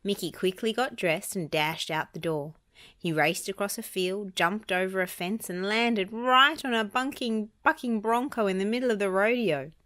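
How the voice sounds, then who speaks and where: A woman reads a children's storybook aloud, narrating expressively. Her voice is mid-range and her pace moderate.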